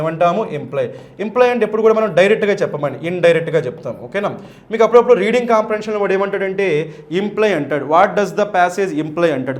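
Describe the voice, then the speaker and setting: A man explaining exam questions in a lecture, checking with his students again and again and reading English sentences slowly. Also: sits high. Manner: switches between Telugu explanation and slowly read English sentences. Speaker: English teacher for competitive exams.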